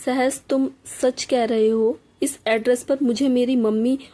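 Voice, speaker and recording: A woman reading a storybook aloud, voicing a firm young man who is deeply moved. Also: fairly even intonation, unhurried, mellow, lightly acted. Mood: emotional. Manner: firm, then tearful and reflective. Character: stern young man, tender underneath.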